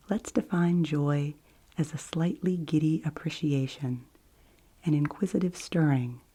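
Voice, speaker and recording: A woman giving a whispered ASMR book review and reading in a soft library whisper, gentle and deliberate, with long pauses. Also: deep voice, slightly rough. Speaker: ASMR host.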